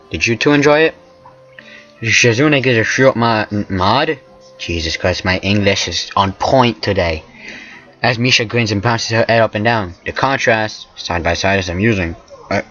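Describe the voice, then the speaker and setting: Man, fairly low voice, let's play narration, reads game text, joking asides, stumbles, dull lo-fi recording. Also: a bit bright. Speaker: gamer reading a visual novel aloud.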